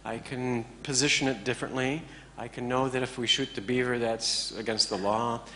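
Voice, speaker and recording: A man teaching a class in a relaxed, joking way, often checking in with his listeners. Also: mid-range voice, moderate pace, a little hiss or hum. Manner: joking, conversational, keeps checking in with the audience. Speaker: meditation teacher. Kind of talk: informal talk to a class.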